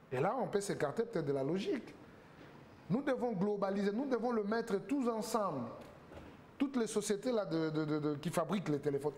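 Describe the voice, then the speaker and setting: A man's voice: fairly high pitch, a little mellow, slight background noise. Emphatic man, raised voice. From Congo. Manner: emphatic, rhetorical questions, repeats words. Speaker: political guest. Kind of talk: TV talk show interview.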